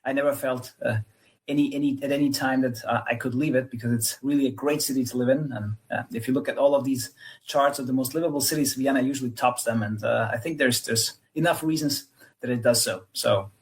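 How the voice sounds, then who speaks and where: A man's voice: mid-range voice, steady tone, brisk. A man from Austria, a guest author on a video call, answering friendly and somewhat hesitantly. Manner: friendly, hesitant with fillers and restarts. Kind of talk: interview conversation.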